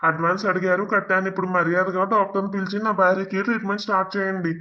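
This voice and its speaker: A man's voice: high-pitched, level tone, racing, highs cut off, natural voice. An actor voicing a poor young village husband pleading and arguing for his sick wife in a cartoon drama. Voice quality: pleading, emotional.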